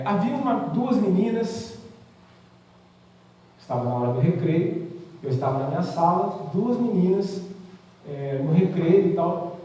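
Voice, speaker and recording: A man giving a spiritual seminar talk, telling a story and acting out the people he quotes. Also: on the high side. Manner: lively storyteller who acts out the people he quotes. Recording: echoey hall, voice from far off, faint noise.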